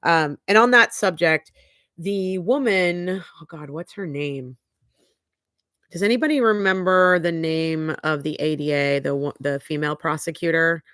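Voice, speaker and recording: Congested and sniffling, a woman hosts a trial recap on a home livestream, chatting casually with blunt opinions and plenty of fillers. Her voice is low-pitched, measured in pace, a bit bright and clean. It's captured at studio quality without any room sound.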